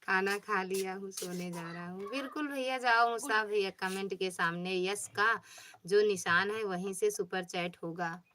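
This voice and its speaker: A woman's voice: mid-range voice, moderate pace, bright, forceful tone, a little hiss or hum. A woman host, chatting casually on a phone livestream, greeting viewers by name and coaxing them. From Pratapgarh, Uttar Pradesh. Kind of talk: casual livestream chat, reading viewer comments.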